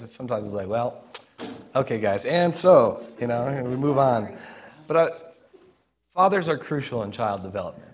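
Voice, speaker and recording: In a mid-range voice, a man gives an informal sermon as a pastor, straining his raspy throat to be heard. The delivery is earnest and conversational, with stops partway through phrases.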